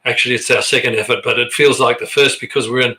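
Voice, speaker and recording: An Australian choir director leads a live online rehearsal, reading viewers' comments aloud into a sensitive computer mic. His mid-range voice has fairly even intonation and sounds pushed and bright as he talks fast in a chatty, rambling way, full of fillers and frequent restarts.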